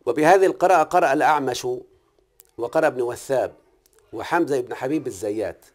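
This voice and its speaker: Egyptian male teacher, brisk, keeps checking comprehension. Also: medium pitch. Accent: Egyptian Arabic. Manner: questioning, repeatedly checks the student understands. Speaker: Quran recitation teacher. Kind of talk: one-on-one grammar and recitation lesson.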